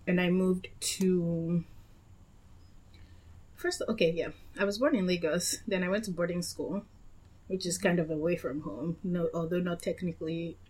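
A young woman from Nigeria in a relaxed conversation, with a slightly low voice. She talks in a meandering way, doubling back and correcting herself mid-sentence. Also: moderate pace, husky. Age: young adult. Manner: chatty, meandering, with frequent self-corrections. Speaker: guest. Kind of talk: casual chat.

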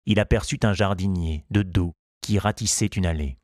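A man reading a children's storybook aloud in a measured, unhurried way. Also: sits low, a little mellow, no room sound, clean studio sound. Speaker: narrator.

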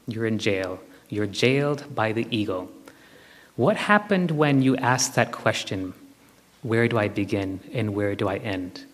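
A man giving a spiritual discourse and guided meditation, repeating short phrases for emphasis and putting probing questions to his listeners. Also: medium pitch. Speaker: spiritual teacher. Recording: long hall reverb.

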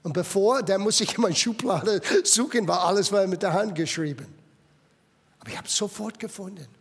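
High gravelly-voiced preacher man. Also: brisk, long reverb tail. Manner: emphatic, mixes English words into German. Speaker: pastor. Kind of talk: sermon. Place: church sanctuary.

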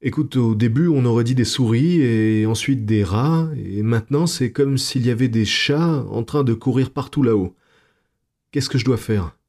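A man voicing a frightened elderly woman who cries out in shrill, panicky bursts. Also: normal speed, a little mellow, natural voice. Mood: anxious, indignant.

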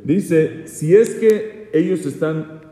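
Dark-voiced rabbi in an echoey hall. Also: male voice, fairly high pitch, slow. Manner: poses rhetorical questions, teasing asides. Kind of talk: Torah law lesson. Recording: echoey hall with long reverb.

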